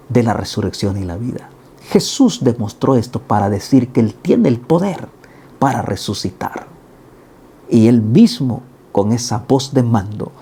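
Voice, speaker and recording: A man's voice: mid-range voice, dark tone, breathy edge. A middle-aged man preaching a daily Bible reading sermon, climbing to emphatic peaks when he quotes scripture. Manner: earnest, rising to emphatic peaks when quoting.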